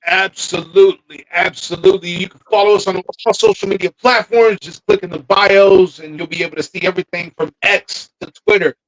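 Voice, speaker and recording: A man's voice: sits high, steady tone, a little fast, hardly any pauses, fairly bright tone, poor audio. A man co-hosting a casual podcast, thinking aloud, trailing off and restarting his sentences. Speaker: podcast co-host. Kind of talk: casual wrestling chat.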